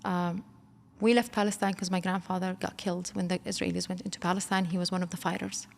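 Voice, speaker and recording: A middle-aged woman raised in Kuwait speaks passionately as an interview guest, building to emphatic outbursts in an emotional conversation. Her lowish voice is level in tone and fast, with vocal fry. The recording has a long hall reverb and a little hiss or hum.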